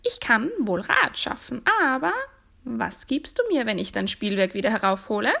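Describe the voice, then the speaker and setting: A woman voicing a fat, ugly male frog from a fairy tale who pleads and bargains in a high, squeaky voice. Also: expressive, normal speed, creaky, pushed and bright, full character voice. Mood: coaxing.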